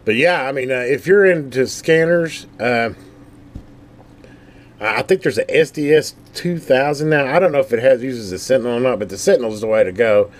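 With a medium-pitched voice and a slightly fast pace, a scanner enthusiast rambles casually through a product demonstration, folksy and unscripted as he thinks aloud.

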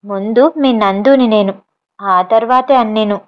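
A woman's voice: on the high side, a little slow, close to an everyday voice. A woman voicing a playful young woman officer who presses insistently for an answer, on a slightly dull recording.

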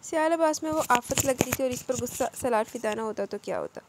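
A woman reading a romance novel aloud as narrator, in steady storytelling with small slips. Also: fairly high pitch, quick pace, slight background noise. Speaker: audiobook narrator.

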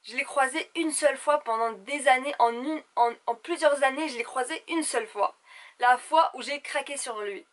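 A young woman with a high voice, gossiping to the camera like she would with her girlfriends. Her delivery is animated and theatrical, in a casual vlog chat style. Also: normal speed. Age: young adult. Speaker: beauty vlogger. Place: small indoor room at home.

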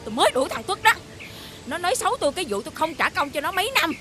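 A woman's voice: extremely high pitch, big pitch swings, racing, heavy background noise. A woman voicing a stingy, bad-tempered rich old wife in a cartoon, scolding and nagging. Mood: complaining. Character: shrill bossy rich old wife, stingy and quick to anger. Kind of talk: animated cartoon dubbing.

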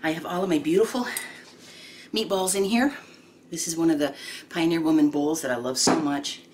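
A woman in her sixties, hosting a home cooking video in casual chat, homey and chatty with many pauses and ums. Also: deep voice, darkish tone. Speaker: home cooking channel host. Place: home kitchen, indoors. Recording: noisy home kitchen recording. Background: clinking dishes and pans.

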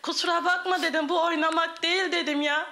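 A high, sharp-toned woman recounts events in a halting, flat-pitched way. She repeats "I said" between the quoted lines as she tells her account. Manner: halting, quoting others at length. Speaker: guest giving a statement on live TV. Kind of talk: emotional testimony.

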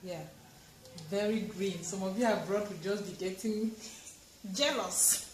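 A little slow and medium in pitch, the voice belongs to a woman in her thirties with a Cameroonian accent who chats expressively and casually to camera while handling housework. She vlogs from a tiled home kitchen. Her camera or phone sits at arm's length or farther, so the tiled room sounds echoey, with clear noise.

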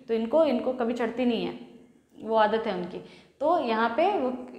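A woman's voice: a little high, darkish tone. A woman teacher explaining a play to students, telling the story and mixing Hindi with English. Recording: echoey room with long reverb.

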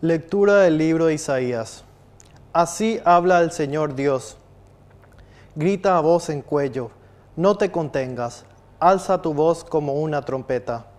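A young man reading a scripture passage aloud at a chapel lectern, in a steady, declaiming way. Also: on the high side, unhurried. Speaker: lector.

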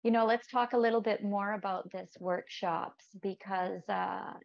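A woman's voice: medium pitch, steady tone, measured pace, creaky. Chatty woman podcast host. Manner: enthusiastic, chatty, asks questions. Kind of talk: casual interview chat. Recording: slightly dull lo-fi sound.

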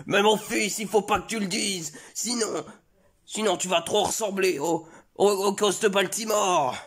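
A man voicing a gruff, remorseful Bowser father in a comedic fan parody. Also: a bit bright, heavily acted. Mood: pleading. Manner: low, slow, dramatic.

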